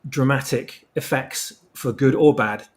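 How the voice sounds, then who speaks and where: A fan fiction author appearing as a podcast guest talks casually about story lore, explaining things at length and often repeating words. His voice sits at medium pitch, and he never hurries.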